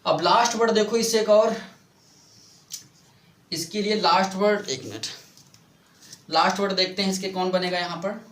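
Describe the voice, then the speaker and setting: A man's voice, high and fairly bright, carries through a roomy-sounding space as he teaches English vocabulary in mixed Hindi and English. He explains slowly, repeats words and checks in with questions to his students.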